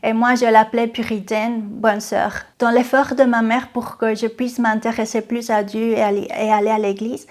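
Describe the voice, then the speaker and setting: Faint music accompanies a Venezuelan woman recounting her testimony to camera in a Venezuelan Spanish accent. Her voice is on the high side and a little mellow, and her delivery is flat. She speaks sincerely and slowly, often hesitating and restarting.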